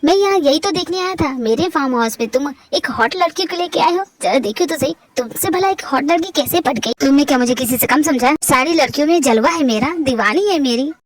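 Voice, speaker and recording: A woman's voice: sits high, expressive, brisk, hardly any pauses. A woman voicing a cocky, boastful young male friend who talks in swaggering slang.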